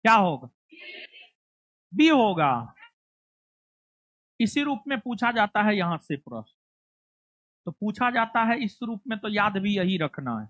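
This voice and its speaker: A woman's voice: medium pitch, expressive, normal speed, fairly bright tone, no room sound. A woman teaching a geography class, coaxing and scolding her students as she drills them. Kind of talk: classroom lecture.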